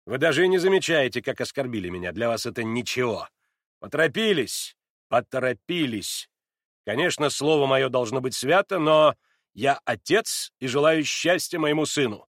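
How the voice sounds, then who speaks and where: A man playing a cold, self-righteous aristocrat who talks in a measured, condescending way, in an audiobook reading. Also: mid-range voice, lively intonation, a bit bright, dry recording, studio quality. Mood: cold haughty.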